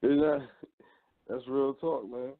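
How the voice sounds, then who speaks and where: A man's voice: mid-range voice, fairly even intonation, slow. A man co-hosting a call-in radio show, laid back and agreeing in casual slang. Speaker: radio co-host. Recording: tinny phone-line audio.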